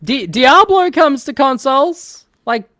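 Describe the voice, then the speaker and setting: A woman's voice: high voice, lively intonation, measured pace, fairly bright tone, no echo, studio quality. A woman co-hosting a casual podcast chat, exasperated, swearing a lot and laughing easily. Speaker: podcast co-host.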